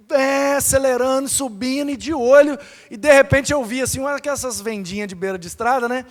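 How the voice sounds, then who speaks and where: A man's voice: very high-pitched, in a large hall. A male pastor with a Brazilian accent, telling a story in a sermon and acting out the dialogue and sound effects. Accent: Brazilian Portuguese. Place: church hall.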